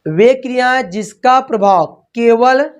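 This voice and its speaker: A man teaching a grammar lesson, repeating key terms as questions and correcting himself as he writes on a board. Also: very high voice. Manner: repeats key terms as questions, slow and drawn out when dictating; self-corrects mid-sentence. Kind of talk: online classroom lesson.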